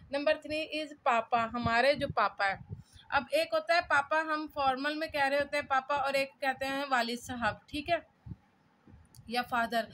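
A woman with a high, slightly bright voice runs a casual lesson of her own making from a cluttered room at home. Writing characters as she explains, she goes over her notes in a chatty way, thinking aloud and often checking in with her listeners.

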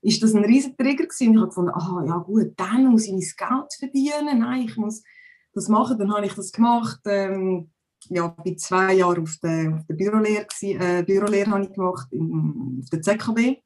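Here a Zurich-born woman in her forties, with the local Swiss German accent, talks at a normal speed in a mid-range, slightly mellow voice. She's a guest on a podcast, conversing casually by video call from home with lots of hesitant fillers.

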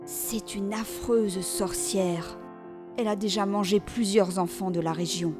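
A weak, sick woodcutter father giving a slow, grave warning, as a woman puts him on. A quiet storybook parent in a middle-range voice. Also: mid-range voice, steady tone, over music, natural voice.

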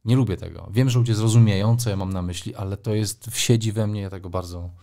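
A middle-aged man with a very low voice speaks as an interview guest. He answers with care, pausing often on fillers as he works through his thoughts. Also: fairly even intonation, mellow. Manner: thoughtful, with frequent hesitations and fillers. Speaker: sports journalist, guest.

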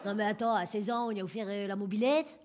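Playing a boastful, vulgar working-class mum in a stand-up monologue, a female comedian rambles brashly, swearing and leaning on filler words. She speaks at a quick pace in a medium-pitched, steady tone, and her voice sounds natural. Noise can be heard in the background.

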